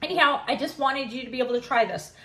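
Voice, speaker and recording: A woman's voice: sits high, fast talker, sharp tone. A woman chatting and giggling through a casual home kitchen cooking demo, a bit self-deprecating.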